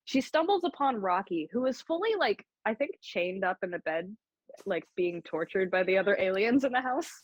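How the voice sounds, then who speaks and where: A woman's voice: medium pitch, expressive, moderate pace, no room sound. A woman co-hosting a podcast in casual chat, recapping a film's plot with frequent laughs and swearing. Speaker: podcast co-host.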